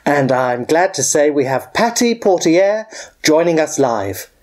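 A woman's voice: deep voice, sing-song, a little slow, darkish tone. A performer voicing a woman parody news anchor, presenting a mock-serious local bulletin.

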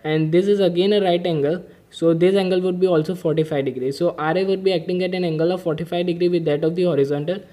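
A man's voice: high-pitched, fairly even intonation, fast, warm tone. A man explaining an engineering mechanics problem step by step while drawing diagrams, methodical and patient. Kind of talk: whiteboard-style problem-solving lesson.

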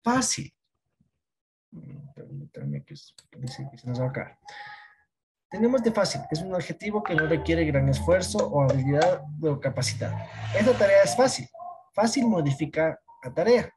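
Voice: mid-range voice, very animated, moderate pace, darkish tone, a little hiss or hum. A teacher giving an online class lesson, explaining patiently and often asking the students if they follow. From Ecuador. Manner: explains patiently, asks checking questions.

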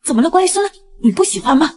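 A woman's voice: very animated, fast, a little mellow. A woman voicing a mean, scolding grandmother in her sixties who favors her grandson. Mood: doting. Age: 60s. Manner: shrill and scolding.

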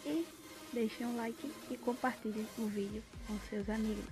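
A woman's voice: a little high, normal speed, noisy background. A Brazilian woman giving an unscripted demonstration of an app as a tutorial host. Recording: music playing behind the voice. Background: clear background music.

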